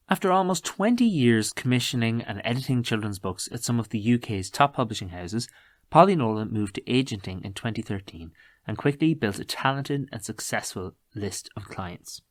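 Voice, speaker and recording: An Irish-accented man hosts a podcast in a slightly low voice. He presents and interviews conversationally, with very little room sound around him. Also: dry recording, studio quality.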